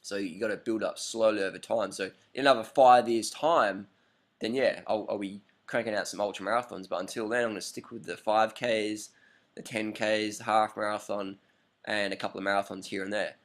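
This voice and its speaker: A man in his thirties talks straight to the camera in a casual monologue. He is blunt and animated, firing off rhetorical questions and pushing his point home. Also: on the low side, fairly quick. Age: 30s. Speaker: vlogger. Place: lives in Bangkok.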